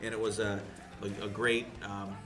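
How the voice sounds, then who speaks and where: A man's voice: on the low side, level tone, normal speed, music in the background. Rambling profane podcast storyteller man. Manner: rambling, profane anecdote teller. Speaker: podcast co-host. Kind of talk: casual chat.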